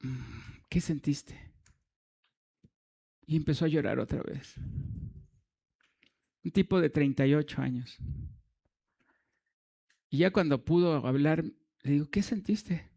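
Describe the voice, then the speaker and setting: A man's voice: a little high, a little slow, creaky, long pauses, mellow. A man preaching a sermon in a church, telling a story with humor and asides to the congregation.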